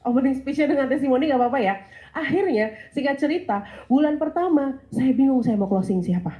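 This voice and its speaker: A woman in her thirties with a stuffy nose giving a lively testimonial speech, acting out dialogue as she tells her story. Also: high-pitched, low-quality recording. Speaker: sales testimonial speaker. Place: event hall.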